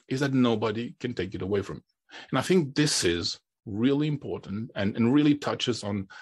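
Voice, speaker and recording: A man's voice: lowish voice, breathy edge. A middle-aged man from Romania, giving a conference presentation and often restarting his phrases. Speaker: conference speaker.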